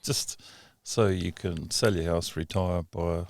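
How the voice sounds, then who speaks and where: A man's voice: sits low, steady tone, measured pace, vocal fry, no echo. A man in his sixties from New Zealand with a New Zealand accent, giving plain, brief answers in a casual interview. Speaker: interview guest.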